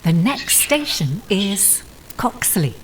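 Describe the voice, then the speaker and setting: A woman's voice: mid-range voice, very animated, takes it slowly, a little hiss or hum, low-quality recording. A woman's recorded voice as a train announcer, with separately recorded phrases spliced together. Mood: neutral. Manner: formal, clipped announcement phrasing. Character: polite female train announcer. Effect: spliced-together recorded words.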